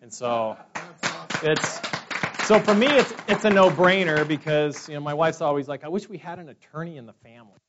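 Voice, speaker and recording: Against a noisy background, a man in his forties from California speaks at normal speed in a fairly high voice. He's recounting personal stories to a business meeting in a rambling, filler-heavy, chatty style, and the audio is dull lo-fi.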